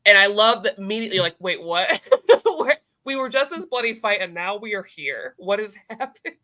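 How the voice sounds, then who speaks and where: A woman's voice: mid-range voice, lively intonation, a little fast, pushed and bright. A woman chatting casually and gushing as she recaps a comic, often acting out the characters' lines as a co-host. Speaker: co-host of a comic book review show.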